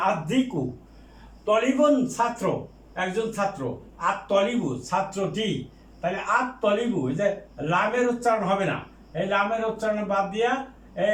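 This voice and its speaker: A man teaching Arabic grammar in a recorded lecture, explaining slowly and repeating himself with many fillers. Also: sits high, reverberant, recorded from a distance. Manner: recites Arabic prayer before the lesson.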